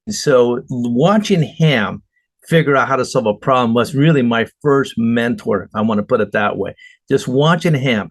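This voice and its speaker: In a dry recording, a middle-aged Argentine man with a medium-pitched voice speaks as a guest entrepreneur in an interview. His conversational answers come as earnest, emphatic stories.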